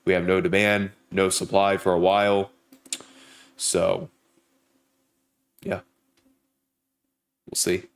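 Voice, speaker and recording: This young trader's livestream chat comes in a deep, gravelly voice, flat and slow with long pauses, made nasal and congested by a sore throat. He keeps it casual, welcoming viewers by name and hyping the likes.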